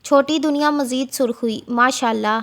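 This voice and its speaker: A woman narrating a romance novel audiobook in a steady, even reading voice. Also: sits high.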